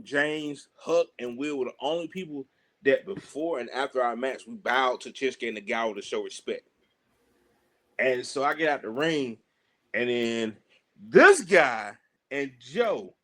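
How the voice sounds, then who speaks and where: Spinning colloquial stories with lots of animation, this pro wrestler acts out every exchange he quotes. He has a mid-range voice with a slightly bright quality.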